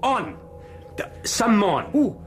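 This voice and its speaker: An actor playing a naive, earnest young watch constable, eager and polite. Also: male voice, high-pitched, huge pitch swings, very slow, heavily acted. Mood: puzzling.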